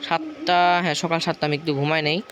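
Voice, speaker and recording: A hoarse man with a Bangladeshi Bengali accent, rambling through casual gameplay commentary as a gaming YouTuber. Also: fairly high pitch, fairly even intonation, fast, a crowd in the background. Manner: rambling, chatty, keeps circling back with the same filler. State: hoarse from a cough.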